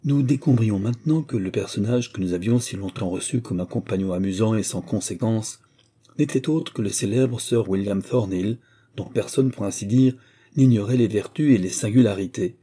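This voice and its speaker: A man reading a classic novel aloud in a steady, formal audiobook narration. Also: on the low side, slightly rough. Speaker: audiobook reader.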